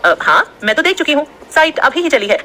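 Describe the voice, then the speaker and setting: A woman voicing an easygoing young female student who talks in a calm, teasing way. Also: high voice, brisk, slight background noise, voice pushed up, full character voice.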